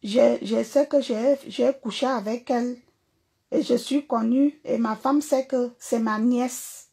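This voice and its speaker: A woman's voice: fairly high pitch, steady tone, takes it slowly, vocal fry, warm tone, breathy edge. A woman singer delivering an angry, mocking social media rant, hurling repeated insults. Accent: Cameroonian.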